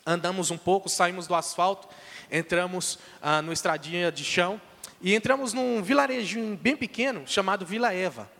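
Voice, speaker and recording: A man's voice: high-pitched, normal speed, creaky, sharp tone. A man with a Brazilian Portuguese accent giving an emphatic church testimony, urging the congregation directly. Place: church hall. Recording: long reverb of a large hall.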